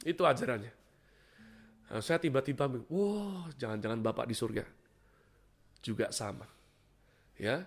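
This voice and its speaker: A middle-aged man preaching a sermon in church, swinging between loud exclamations and hushed asides as he keeps calling out to the congregation. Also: medium pitch, expressive, a little slow, pauses often. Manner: keeps addressing the congregation as "saudaraku". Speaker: pastor.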